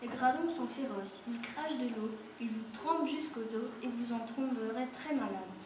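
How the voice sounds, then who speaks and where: Young storybook princess, pleading, read by a woman, fairly high voice, with noise behind. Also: normal speed, lightly acted. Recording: echoey room, far from mic, noisy.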